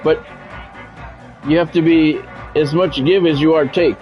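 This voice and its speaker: An American streamer with a fairly high voice keeps a steady tone and measured pace as he chats bluntly and casually between bits of game commentary. Behind him, music plays in a dull, lo-fi recording.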